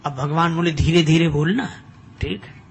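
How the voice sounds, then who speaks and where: An older man giving a humorous devotional discourse, telling a story and acting out its characters' dialogue with shifting loudness. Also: fairly high pitch, moderate pace, slightly rough. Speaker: spiritual discourse speaker.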